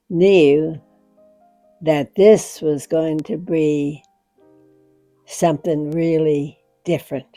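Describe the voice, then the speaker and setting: A very old American woman, about a hundred, reminiscing off the cuff in halting short phrases. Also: low-pitched, dark tone, dry recording, low-quality recording. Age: very old, about 100. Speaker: interviewee recalling wartime memories. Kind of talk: unscripted reminiscence.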